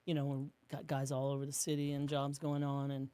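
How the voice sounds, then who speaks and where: A man, a business co-owner, telling a rambling story in an interview and acting out quotes in a hushed voice. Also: medium pitch, monotone, fairly quick, clean tone, dry recording. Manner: rambling, with many restarts and fillers.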